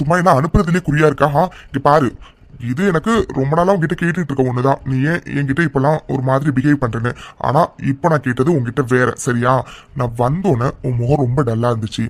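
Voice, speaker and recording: A man's voice: mid-range voice, fast, no room sound, close to an everyday voice. A man voicing a caring young man named Guru who keeps coaxing and teasingly asking questions. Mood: stubborn. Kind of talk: cartoon voice acting.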